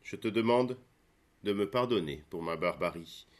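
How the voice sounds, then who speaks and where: A man's voice: low voice, expressive, moderate pace. A man voicing Achilles, solemn grieving warrior. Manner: solemn, earnest pleading. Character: grieving noble Greek hero, humbled.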